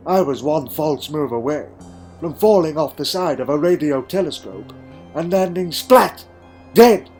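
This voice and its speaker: A man's voice: a little high, darkish tone. A man playing an eccentric, wry Time Lord adventurer, delivering a theatrical, brooding monologue in a fan audio drama. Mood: defiant, dramatic. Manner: theatrical, brooding, with dramatic pauses and sudden exclamations.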